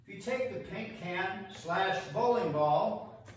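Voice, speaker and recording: Speaking slowly in a high, animated voice, a man in his sixties hosts a playful how-to demonstration played for laughs, rambling and filling gaps with fillers as he jokes. He records on wireless earbuds in a home hallway that echoes, with a little faint noise.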